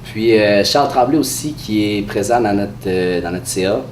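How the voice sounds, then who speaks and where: Male, Quebec French, low-pitched, congested with a cold, halting press-conference presenter, distant mic in an echoey room. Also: darkish tone, slight background noise. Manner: hesitant, halting delivery with frequent pauses. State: has a head cold. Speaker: sports association president presenting. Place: indoor room at a press event.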